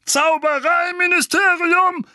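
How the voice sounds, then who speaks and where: A man's voice: medium pitch, animated, slow, vocal fry, a bit bright, husky, dry recording, clean studio sound, full character voice. A man playing an enraged, bullying middle-aged uncle who bellows and snarls in an audiobook reading. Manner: bellowing, spitting rage.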